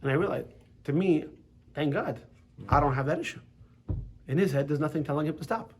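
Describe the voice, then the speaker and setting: This rabbi's voice is on the high side, brisk, and a little mellow. In a classroom with students, he teaches Torah through casual stories, talking chattily with many restarts and asides.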